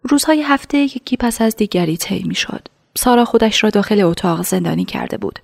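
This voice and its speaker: A woman narrating a radio drama in a measured, hushed storytelling voice. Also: medium pitch, expressive, creaky.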